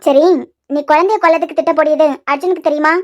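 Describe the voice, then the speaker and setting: A woman's voice: steady tone, quick pace, highs cut off, lightly acted. A woman voicing a blunt, scolding girlfriend. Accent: Kanyakumari Tamil. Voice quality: very high-pitched. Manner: scolding, incredulous. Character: blunt young woman friend, scolding and protective. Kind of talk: cartoon serial voice acting.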